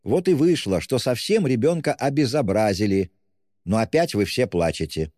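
A man voicing a frantic, desperate impoverished widow with shrill, haughty outbursts in an audiobook. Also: sing-song, moderate pace, mellow, dry recording, clean studio sound, big-room sound. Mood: scolding. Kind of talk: audiobook character voice.

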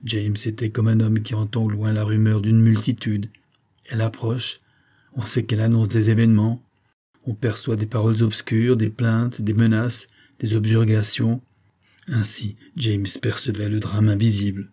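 Male audiobook narrator, measured reading, mellow dark tone, husky. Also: lowish voice, completely flat delivery. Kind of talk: scripted narration.

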